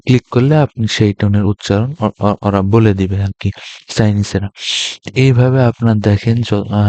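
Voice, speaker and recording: A man from Bangladesh teaches an online class with a low, mellow voice that stays flat. He explains slowly and hesitantly, full of fillers. The sound is dry and a little dull. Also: dry recording. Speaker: language teacher.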